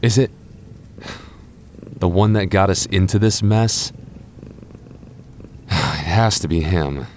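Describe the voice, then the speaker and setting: A male voice actor plays a soft-spoken young goth boyfriend in an ASMR roleplay, speaking deeply and unhurriedly and stammering a little as he offers reassurance. A faint hiss runs beneath the recording, and the mood feels puzzling.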